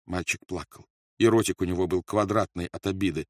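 A man narrating an audiobook in a measured, grave manner. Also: low voice, fairly even intonation, no echo.

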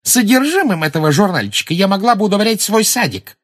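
A man voicing a scornful female journalist, high and husky. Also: sing-song, normal speed. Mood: mocking. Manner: cold, mocking, businesslike.

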